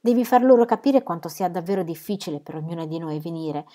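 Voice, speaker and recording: In a storybook reading, a sensible young woman speaks firmly and earnestly, in a mellow, slightly raised voice, as a woman narrator acts her out. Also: fairly low pitch, animated, quick pace, natural voice.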